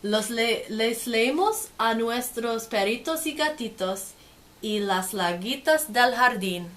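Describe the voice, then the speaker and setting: A woman with a fairly high voice hosts a bilingual read-aloud of a picture book, lively in the reading and quieter in her casual commentary. Her pace is unhurried, and a little background noise can be heard.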